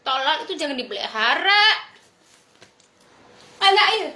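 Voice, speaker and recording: A woman's voice: high-pitched, very animated, normal speed, bright, forceful tone, roomy sound. A woman vlogger delivering a blunt, crude, confrontational rant to her viewers. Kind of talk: ranting monologue to viewers.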